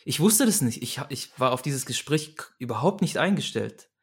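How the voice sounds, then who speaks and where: A young man in an interview talking candidly about his own life. His delivery is earnest and searching, with frequent restarts and repetitions as he works his way toward what he means. His voice sits at a middle pitch. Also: lively intonation, moderate pace, slightly rough. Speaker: guest. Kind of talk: candid personal storytelling.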